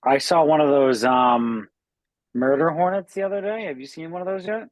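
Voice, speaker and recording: Earnest, fairly high-voiced podcast co-host. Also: male voice, moderate pace, rough recording. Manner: earnest, insistent, with hesitations. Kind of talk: casual chat.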